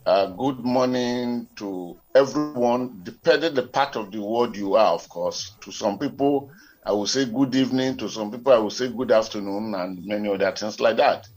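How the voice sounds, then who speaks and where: A man's voice: lowish voice, normal speed, darkish tone, faint music behind. A Nigerian man co-hosting a radio current affairs show, heard over a telephone line, talking in a formal, wordy and digressive way. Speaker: radio talk show co-host.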